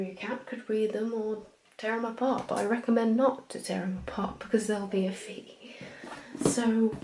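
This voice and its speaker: Woman as a mellow librarian in ASMR role-play. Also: mid-range voice, slight background noise, lightly acted, rough recording. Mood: soft, helpful. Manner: soft-spoken, gentle, informal. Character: friendly, chatty female librarian recommending books.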